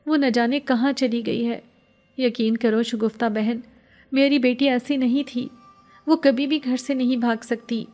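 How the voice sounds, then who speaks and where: A woman's voice: on the high side, steady tone, darkish tone, soft background music, voice pushed up, lightly acted. A woman voicing an anxious, grieving widowed mother who pleads tearfully for help. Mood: pleading.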